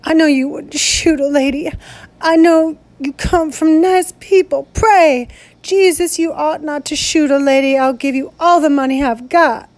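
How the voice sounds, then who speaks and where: A woman reading aloud, voicing a frantic old grandmother who begs in high, pleading cries. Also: measured pace, no room sound. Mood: desperate pleading.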